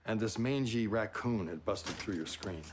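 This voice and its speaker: Guy doing a gruff older sitcom dad, low and blunt. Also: normal speed, a little hiss or hum, lightly acted. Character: gruff older man breaking bad news to a boy. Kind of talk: sitcom acting.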